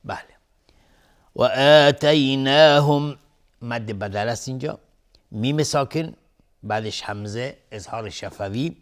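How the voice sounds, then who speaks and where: A man with a Persian accent teaching Quran recitation rules, explaining calmly and then chanting verses slowly. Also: on the low side.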